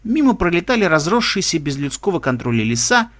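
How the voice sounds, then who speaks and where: A man reads a story aloud in a steady, measured voice. His voice sits a little higher than most men's. The delivery is an even audiobook narration. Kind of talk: audiobook reading.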